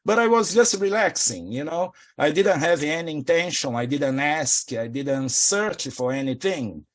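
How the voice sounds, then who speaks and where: A man's voice: on the high side, lively intonation, unhurried. Brazilian guy, middle-aged, spiritual teacher, rambles reflectively w/ little laughs, lots of "you know". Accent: Brazilian Portuguese. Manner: meandering, with soft laughs and filler phrases. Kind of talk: reflective interview talk.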